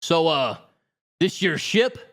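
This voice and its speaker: A man's voice: fairly high pitch, very animated, takes it slowly, a bit bright, exaggerated voice. A man playing a boastful, pompous adventurer. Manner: pompous, theatrical self-introductions.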